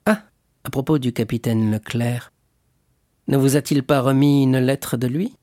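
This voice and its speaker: A man's voice: medium pitch, a little slow, warm tone, no echo, clean studio sound, lightly acted. A man reading aloud, voicing a jealous, scheming ship's accountant who speaks in a sly, insinuating way.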